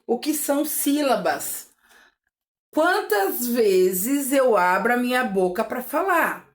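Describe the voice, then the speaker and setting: A Brazilian woman teaching literacy in a slightly high voice, taking her time. She chants short rhymes word by word and syllable by syllable between explanations. Her voice rings in an echoey room. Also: sing-song, slow pace. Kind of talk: teaching video for families.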